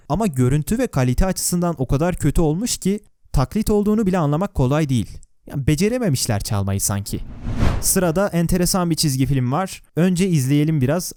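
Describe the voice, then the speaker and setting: This man's voice sits on the high side and has a warm tone, captured dry and close on a voice-over microphone. He narrates a video in a scripted yet conversational style, tossing in wry, sarcastic asides and questions for the viewer.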